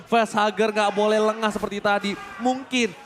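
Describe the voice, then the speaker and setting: A man with an Indonesian accent doing live esports commentary like a fighting game announcer, with dramatic shouted calls. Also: high voice, fairly even intonation, normal speed, slight background noise.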